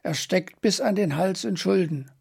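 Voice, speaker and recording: A man voicing an anxious male friend reading out his letter, gravelly and husky, in a raised, strained voice, recorded from a distance. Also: high-pitched, moderate pace, a little mellow, voice pushed up, full character voice. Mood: urgent.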